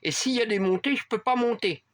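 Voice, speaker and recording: A man's voice: sits high, fast talker, a bit bright, no echo, pitched above the performer's own voice. A man voicing a polite, worried male delivery driver in a retold phone call.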